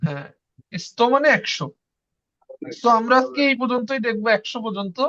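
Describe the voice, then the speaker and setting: A patient language teacher, speaking over a video call. The teacher repeats each word slowly and prompts the class to echo it. The sound is muffled and dull, close and dry with no room echo. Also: medium pitch, expressive, bright, forceful tone. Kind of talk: online class lesson.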